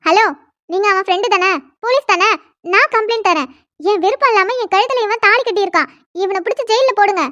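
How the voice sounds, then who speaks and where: A shrill, indignant young cartoon woman with a very high, childlike voice, as a woman acts her out. She scolds nonstop with a sharp, complaining edge. The recording is dry and close-miked. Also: fast talker, dry recording, highs cut off. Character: young woman, furious, newly forced into marriage. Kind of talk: cartoon dialogue.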